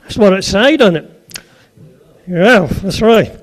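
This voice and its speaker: With a high voice, lively intonation, and normal speed, an older Suffolk man speaking in a Suffolk English accent tells an anecdotal sermon to a live audience. Chatty in manner, he poses questions to the crowd and drops in jokey asides; he hails from Suffolk, England.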